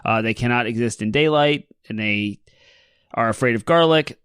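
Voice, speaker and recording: A man's voice: mid-range voice, normal speed, fairly bright tone, smooth, dry recording, clean studio sound. A man chatting casually as a co-host on a podcast, in an informal conversational style.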